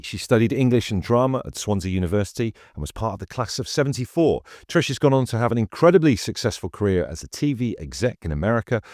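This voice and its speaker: A man's voice: fairly low pitch, darkish tone, dry recording, clean studio sound. A man in his forties from the United Kingdom hosting a podcast, reading a scripted introduction and then asking friendly questions with small stumbles. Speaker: podcast host. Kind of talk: podcast interview.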